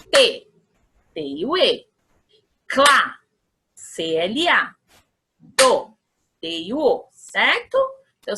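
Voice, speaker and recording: Lively, bright-voiced Brazilian woman teacher. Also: mid-range voice, slightly rough. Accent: Brazilian Portuguese. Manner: patient, encouraging, sounds out syllables slowly; checks in often with the children. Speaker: primary school teacher. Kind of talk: remote lesson for young children.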